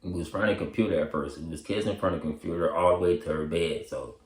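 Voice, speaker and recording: A man's voice: sits low, very fast, darkish tone. A young man casually telling a story in heavy slang, laughing often and acting out his own reactions. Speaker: storyteller vlogger. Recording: echoey room.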